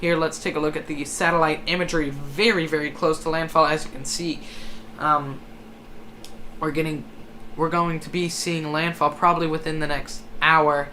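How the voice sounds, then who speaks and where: Bright-voiced livestream storm tracker, sex unclear, noisy background. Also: medium pitch, fairly even intonation, normal speed. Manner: hesitant, self-correcting delivery. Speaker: livestream host tracking a hurricane. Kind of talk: live storm coverage commentary. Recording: noticeable background noise.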